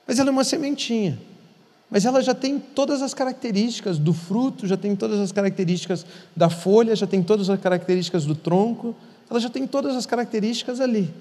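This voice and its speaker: A man's voice: high-pitched, brisk, mellow. A man who is a pastor, teaching in an earnest conversational way and repeating words for emphasis. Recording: long hall reverb.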